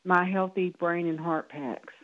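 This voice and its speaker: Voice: medium pitch, measured pace, no room sound. A caller to a radio advice show asks plain questions in a matter-of-fact way. The voice is dry and close. It comes through a tinny phone line. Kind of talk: phone-in call.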